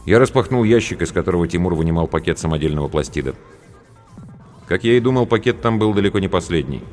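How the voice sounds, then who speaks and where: A man narrating an audiobook in a steady, grim storytelling manner. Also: deep voice, fast. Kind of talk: audiobook reading. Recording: reverberant room, faint music behind.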